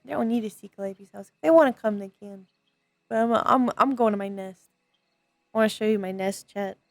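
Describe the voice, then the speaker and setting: A woman's voice: mid-range voice, fairly quick, no echo. A woman streamer chatting playfully in role-play, with childlike, repetitive baby-talk phrasing. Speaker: streamer role-playing in a virtual world. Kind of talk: playful gamer chat, in-character role-play.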